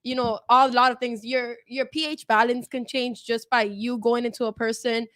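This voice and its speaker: A woman's voice: fairly high pitch, dry recording, studio quality. A woman in her twenties, a guest on a casual podcast, talking frankly and with lots of swearing. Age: 20s. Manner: frank, fast and animated, swears freely.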